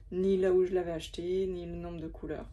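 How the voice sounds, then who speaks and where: A woman's voice: fairly low pitch, little pitch movement, fairly quick, noisy background. A woman vlogger chatting casually and hesitantly as she shows her craft supplies, with many fillers. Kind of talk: casual show-and-tell of craft stock.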